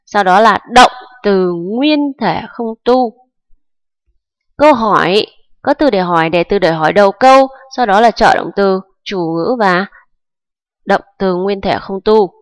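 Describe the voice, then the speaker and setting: A woman's voice: medium pitch, no room sound. Woman teacher going through grammar rules step by step, patient, keeps checking you follow, dry close sound. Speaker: English teacher. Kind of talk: grammar lesson explanation.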